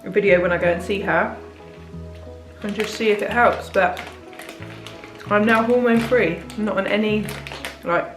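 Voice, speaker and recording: A British woman in her thirties, a diet plan consultant and vlogger, chats candidly in a casual food vlog from her home kitchen and laughs easily. Her voice is medium in pitch at a normal speed, and the rough recording sounds roomy with faint music behind her.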